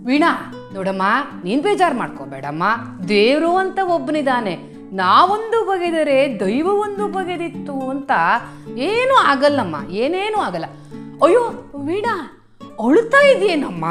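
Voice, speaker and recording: A woman acting a meddling middle-aged visitor in a comic home skit, falsely sympathetic and chatty, always adding "amma". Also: high voice. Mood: mock consoling. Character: meddling middle-aged woman visitor who loves making others cry. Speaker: comedy skit performer.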